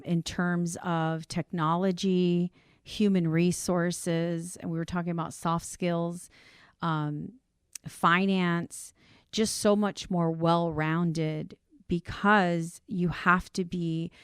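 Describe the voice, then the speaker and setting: With a fairly low pitch and a clean tone, this woman is captured in a dry, studio-quality recording. Her Cuban Spanish accent reflects her Cuban family, though she grew up on the US East Coast; as a podcast guest and insurance brokerage CEO, she recounts her story conversationally, earnest and emotional, brightening when amused.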